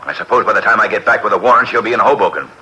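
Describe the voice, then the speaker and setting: Irritable police inspector, low, piercingly forceful, blunt delivery, vintage radio crime show with light hiss. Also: male voice, rapid-fire, poor audio. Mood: exasperated. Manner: blunt, impatient. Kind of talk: 1950s radio crime drama acting. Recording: vintage 1950s radio broadcast, faint hiss.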